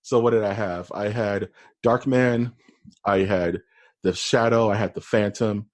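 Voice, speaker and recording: A man co-hosting a podcast in casual, rambling chat, with a deep, bassy voice. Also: fairly even intonation, unhurried, no echo. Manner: laid-back, rambling, calls his friend dude and dog. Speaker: podcast co-host.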